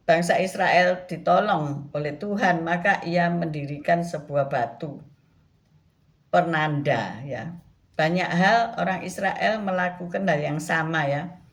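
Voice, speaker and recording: A woman pastor giving a devotional Bible teaching, speaking gently and often adding a soft "ya". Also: fairly low pitch. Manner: slow, gentle, frequent tag "ya".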